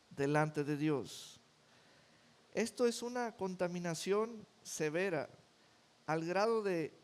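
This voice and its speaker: A male pastor preaching a sermon, emphatic, often repeating words for weight. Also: high voice.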